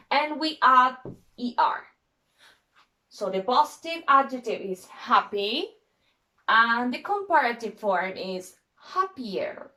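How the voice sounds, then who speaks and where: A woman's voice: a little high, sharp tone. A woman teaching an English grammar lesson, spelling out letters one at a time and checking in with "okay?" after nearly every phrase.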